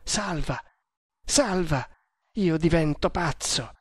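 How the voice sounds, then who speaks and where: A man's voice: on the high side, takes it slowly, dry recording, clean studio sound. A man voicing a fierce young male hero on the run, with frantic, impassioned exclamations.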